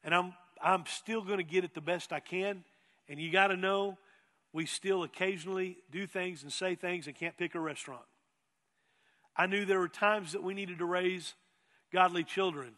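A middle-aged pastor preaches with a fairly high voice, pressing his points hard and turning to the congregation with questions. His words ring out with a long reverb from a church sanctuary. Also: fairly even intonation, moderate pace, bright, forceful tone. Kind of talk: sermon.

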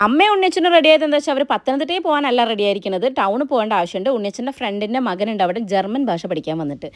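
A woman's voice: mid-range voice, dry recording, clean studio sound. A woman, chatting casually and rambling as she narrates a family vlog. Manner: chatty, rambling, frequent "ttoo" tags. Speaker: vlogger.

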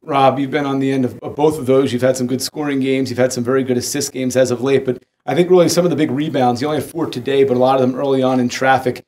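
A man's voice: medium pitch, fairly even intonation, fast talker, hardly any pauses, a little mellow. A man interviewing players after a game, asking long, wordy questions. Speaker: team media interviewer. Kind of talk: postgame press questions.

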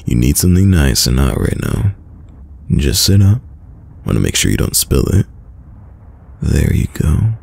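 This voice actor takes the role of a young boyfriend, tender and teasing, looking after a sick partner in a soft-spoken ASMR roleplay. The voice is very deep, gravelly and exaggerated, delivered slowly with a soothing, affectionate softness.

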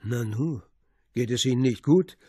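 A man voicing a commanding middle-aged police commissioner in an audiobook, brisk and assured as he gives orders. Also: mid-range voice, a little mellow, no echo, clean studio sound, natural voice. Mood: jovial. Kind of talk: audiobook character voice.

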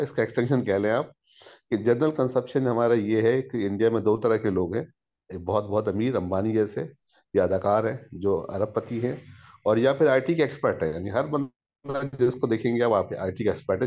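Low-voiced male interviewer, muffled audio. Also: brisk, darkish tone. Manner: builds long questions step by step. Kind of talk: interview questions.

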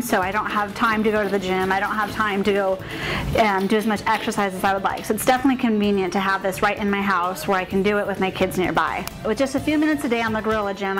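A woman, a working mother, giving a brisk, cheerful testimonial. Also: mid-range voice, rough recording. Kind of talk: testimonial interview.

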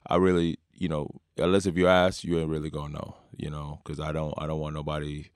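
A man in his thirties from Sudan, a basketball player, talking in a relaxed, unhurried way with drawn-out fillers in a studio. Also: a bass voice, clean tone, dry recording. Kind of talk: casual interview talk. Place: home studio with guitars and keyboards. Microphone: studio mic with headphones.

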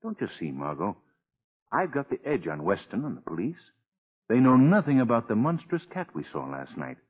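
An American actor playing a bold, self-assured gentleman sleuth in a 1930s radio drama, speaking in a crisp, commanding, theatrical way. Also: mid-range voice, huge pitch swings, normal speed. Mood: confident. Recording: muffled lo-fi 1930s radio recording.

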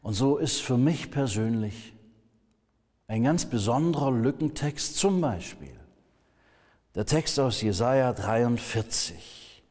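A male pastor delivers a sermon at an unhurried pace. His voice is mellow and a little husky, and his phrases often sink into a quiet hush. The sound carries a long reverb, as in a large church hall. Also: mid-range voice, expressive. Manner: slow, emphatic, dropping to soft hushed endings.

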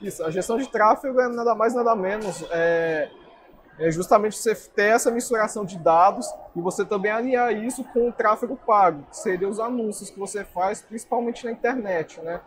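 Fairly quick and high-voiced, a young adult guest speaker gives earnest interview answers about marketing at an indoor trade fair booth, against a noisy background.

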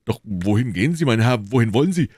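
A man's voice: medium pitch, expressive, fast talker, darkish tone, slightly rough, no room sound, studio quality, pitched above the performer's own voice. A man voicing a timid, anxious young male servant with a raised, worried voice in a storybook.

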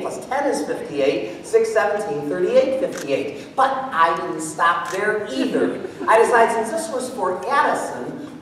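A middle-aged man with a high, somewhat bright voice presents a maths magic act on an auditorium stage. His patter is playful, theatrical, and showman-like, captured from far off in an echoey hall.

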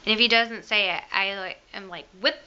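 A young beauty vlogger with a Michigan accent rambles and pokes fun at herself while chatting to the camera from her bedroom at home. Her mid-range voice is a little fast, sharp and smooth, though the recording, made with the camera close to her face, sounds muffled.

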